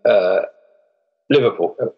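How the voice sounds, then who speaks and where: Husky middle-aged Essex man. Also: on the low side, measured pace, muffled recording. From Essex, England. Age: middle-aged or older. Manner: plain-spoken, slangy, mildly sweary. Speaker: volunteer barber for homeless people. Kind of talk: casual chat, telling anecdotes.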